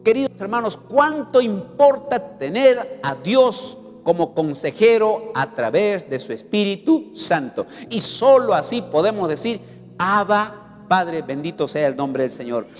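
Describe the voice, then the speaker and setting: A man's voice: very animated, a little slow. A male pastor preaching a sermon, emphatic and acting out little scenes. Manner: emphatic preaching, sweeping pitch, acts out scenes. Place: church hall. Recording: reverberant church hall with faint music.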